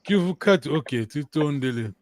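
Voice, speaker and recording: A man's voice: fairly high pitch, animated, moderate pace, a little mellow. A man teaching a language class, hesitant, restarting his sentences and often checking that students follow. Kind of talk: online language lesson.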